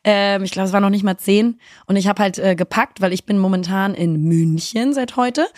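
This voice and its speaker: A woman co-hosting a casual chat podcast, telling stories with slang and quick asides. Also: medium pitch, a little mellow, no echo, clean studio sound. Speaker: podcast co-host.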